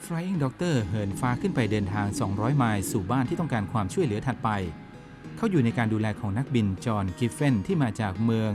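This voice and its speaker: A man's voice: medium pitch, animated, a little fast. A man reading scripted narration as the narrator of a documentary. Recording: music bed under voice. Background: background music.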